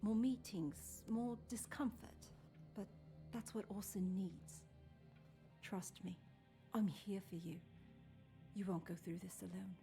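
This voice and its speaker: A woman playing a calm, reassuring helper to a troubled mother in a video game drama. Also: medium pitch, slow, creaky, pauses often, soft background music. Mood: firm, reassuring.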